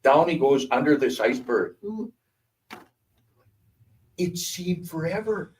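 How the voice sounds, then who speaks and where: Older man, from Wisconsin, storytelling talk, animated, acts out quoted voices, mic a bit distant. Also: on the high side, slow pace. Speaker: guest speaker.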